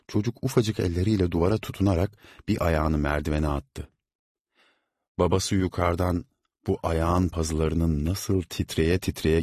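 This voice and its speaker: A man narrating an audiobook in a measured, steady reading. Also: deep voice, slightly rough, no echo, clean studio sound. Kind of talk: scripted narration.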